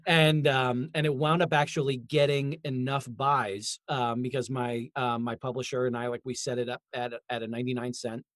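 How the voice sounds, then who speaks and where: A man's voice: mid-range voice, little pitch movement, moderate pace, few pauses, a bit bright, dry recording. A man chatting casually and informally as an author, rambling and a little self-deprecating. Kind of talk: casual conversation.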